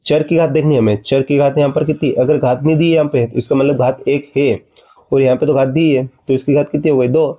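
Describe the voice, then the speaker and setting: Mellow-voiced man teaching maths. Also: mid-range voice, steady tone, brisk, muffled recording. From India. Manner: explains step by step, asks the student questions and answers them. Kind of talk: classroom maths lesson.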